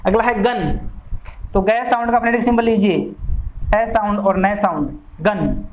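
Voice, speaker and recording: A woman teaching an exam-prep phonetics lesson, going through each sound slowly and deliberately. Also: mid-range voice, darkish tone. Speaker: English teacher. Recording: echoey room with faint noise.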